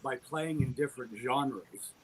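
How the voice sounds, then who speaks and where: On an online call, a middle-aged audio drama producer talks as an interview guest with a medium-pitched, slightly slow voice. He tells stories enthusiastically, rambling and poking fun at himself, though the audio is poor.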